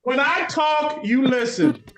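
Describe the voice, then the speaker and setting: A man's voice: extremely high pitch, very animated, slow pace, a bit bright, a little hiss or hum. A male judge questioning a defendant firmly during a courtroom hearing. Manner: firm, stern questioning. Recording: roomy courtroom audio.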